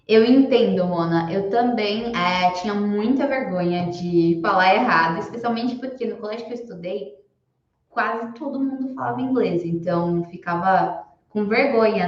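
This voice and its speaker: A young woman whose first language is Portuguese gives a live online English lesson and patiently repeats her examples slowly. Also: mid-range voice, reverberant, dull audio. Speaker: English teacher.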